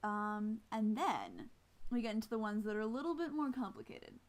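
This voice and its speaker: This woman flute player, who has missing teeth, speaks at a moderate pace in a fairly high voice with lively intonation. Her informal teaching includes demonstrations, and she comes across as casual, hesitant in her explanations, and self-mocking.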